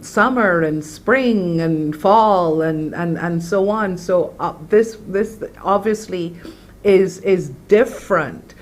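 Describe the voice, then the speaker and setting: A woman hosting an interview, measured, with frequent short acknowledgments. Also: lowish voice. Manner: measured, backchannels often. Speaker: talk show host.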